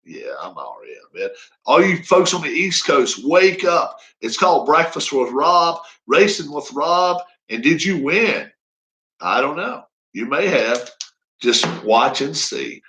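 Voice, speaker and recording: A man's voice: a little high, very animated, unhurried, sharp tone, rough recording. A man in his fifties chatting casually on a live stream, rambling and folksy with frequent chuckles. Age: 50s. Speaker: racing league streamer.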